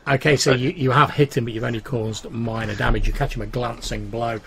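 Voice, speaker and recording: A man acting as game master, narrating a tabletop game in a halting, improvised way. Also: medium pitch, steady tone, creaky, a crowd in the background.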